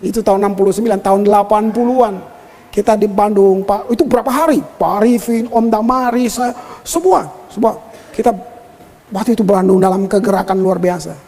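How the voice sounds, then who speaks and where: High-voiced older pastor in a reverberant hall. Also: male voice, a little fast. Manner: animated storyteller, often addresses the congregation as brothers and sisters. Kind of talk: sermon with personal storytelling.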